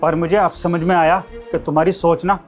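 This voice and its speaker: A man's voice: a little high, level tone, normal speed, faint music behind, close to an everyday voice. A man playing a husband who lectures his wife about treating a guard with respect. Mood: stern. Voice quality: lecturing, moralising. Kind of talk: amateur short-film acting.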